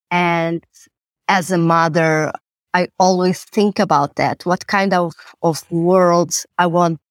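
A woman, a podcast guest who speaks thoughtfully, pausing and repeating words. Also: fairly low pitch, no echo, studio quality. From Portugal. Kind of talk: podcast interview.

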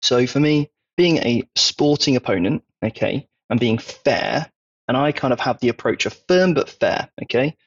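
A man with a Wiltshire accent talks through his ideas on a casual podcast, often pausing to check in with "okay?". His voice is husky and a little breathy. The recording sounds dull and lo-fi. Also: mid-range voice, lively intonation. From Wiltshire, England. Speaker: podcast co-host.

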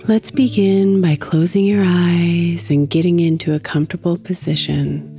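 Woman, meditation guide, soft and soothing, mellow tone, long pauses, music behind. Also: fairly low pitch, steady tone.

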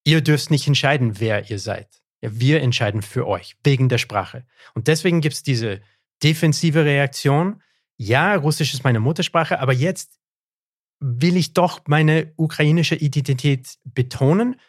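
A Canadian man, a native English speaker, discusses history in German as a podcast guest. His fairly high voice is unhurried and the recording is dry and close. Thoughtful in manner, he hesitates a lot, with many fillers and restarts.

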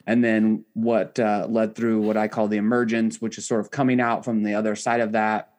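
A man chatting casually as a podcast guest, explaining things in a halting, thinking-aloud way. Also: fairly low pitch, level tone, darkish tone. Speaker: podcast guest, author and spiritual coach. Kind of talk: casual interview chat.

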